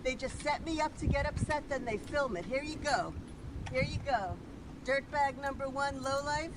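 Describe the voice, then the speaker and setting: A woman's voice: high-pitched, moderate pace. A woman on a city street ranting accusingly and repeating herself, caught on a phone camera. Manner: accusatory, repetitive. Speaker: passerby in a street confrontation. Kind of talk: angry ranting monologue. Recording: noisy street phone recording.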